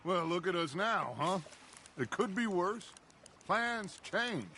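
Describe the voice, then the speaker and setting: A friendly, wistful outlaw from a western game, cheering on a fishing buddy and musing about the past. His voice rides a touch high and relaxed. Water and boat ambience hums clearly underneath. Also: slow pace, a little hiss or hum, full character voice. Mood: easygoing. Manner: relaxed, reflective, encouraging.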